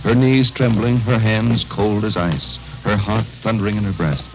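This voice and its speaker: A man's voice: on the low side, soft background music, rough recording. Man narrating an old radio soap. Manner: measured, dramatic storytelling. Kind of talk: scripted narration.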